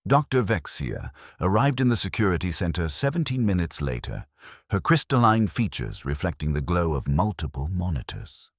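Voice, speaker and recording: A man narrating a sci-fi story in a measured, dramatic storytelling manner. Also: low voice, no room sound, studio quality.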